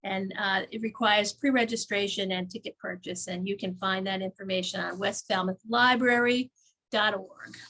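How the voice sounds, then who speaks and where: A woman's voice: mid-range voice, fairly even intonation, moderate pace, pushed and bright. A woman co-hosting a casual local events chat, talking easily, laughing often and reading out event blurbs. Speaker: chamber of commerce co-host.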